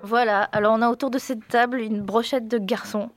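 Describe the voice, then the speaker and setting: A woman hosting a radio show, introducing guests in a relaxed, informal way. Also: on the high side, fairly quick, no room sound, faint music behind. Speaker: radio host.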